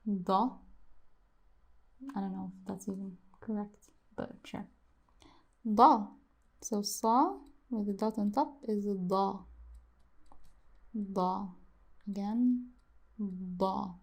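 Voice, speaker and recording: A woman's voice: mid-range voice, steady tone, takes it slowly, pauses often. A woman teaching how to write and pronounce letters in a casual lesson, repeating each sound many times and musing aloud as she draws. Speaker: language teacher.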